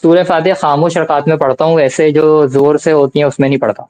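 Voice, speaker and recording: A man's voice: fairly high pitch, little pitch movement, a little mellow. A man calling in to a live debate, answering defensively and hesitantly, often restarting his sentences. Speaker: caller.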